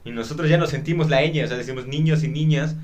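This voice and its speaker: A man's voice: medium pitch, fast. Slangy Mexican man in casual chat. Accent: Mexican Spanish. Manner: slangy, swearing, animated asides. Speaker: podcast co-host.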